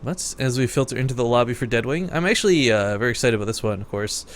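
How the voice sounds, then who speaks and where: A man's voice: mid-range voice, animated, quick pace, slight background noise. A man casting a video game match, chatty and upbeat, laughing often with his co-caster. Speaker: esports commentator. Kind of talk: casual play-by-play commentary.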